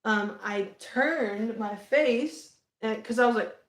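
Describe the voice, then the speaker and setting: A woman's voice: fairly high pitch, takes it slowly. A young woman casually telling a personal story on a livestream, rambling with lots of fillers and restarts. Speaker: vlogger. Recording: echoey room.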